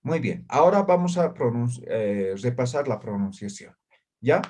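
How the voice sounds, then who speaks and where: A man teaching a language class over a video call. He is patient, checks in constantly with short tag questions, and says practice syllables loudly and distinctly. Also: mid-range voice, animated, moderate pace. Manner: patient, ends phrases with "¿ya?" and "¿no?". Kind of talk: online class.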